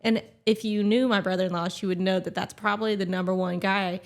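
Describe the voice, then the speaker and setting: A woman's voice: mid-range voice, fairly even intonation, brisk. A woman leading a podcast segment in casual chat. She tells her stories playfully and with a teasing edge, in a mid-range voice.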